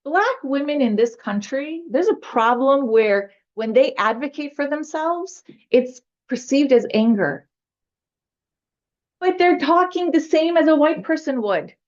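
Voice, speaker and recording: Woman, village trustee, high voice, passionate, combative, dull lo-fi meeting recording. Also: expressive, unhurried. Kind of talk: heated public meeting debate. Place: village board meeting room.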